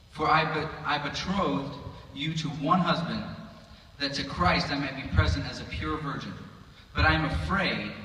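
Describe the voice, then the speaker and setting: A man's voice: on the high side, bright, forceful tone. A man giving a casual sermon in a chapel, reading scripture and making joking, sarcastic asides, recorded on a phone from the audience. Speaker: preacher. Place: chapel hall. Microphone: audience member's phone from far off. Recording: echoey hall, phone from far off.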